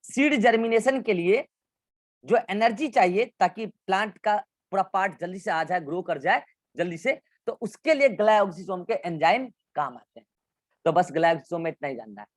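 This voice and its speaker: A man's voice: high voice, expressive, normal speed, no room sound. Male biology teacher, dry close sound. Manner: talks students through textbook diagrams, mixing English terms into Hindi; repeats instructions over and over. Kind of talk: online class lecture.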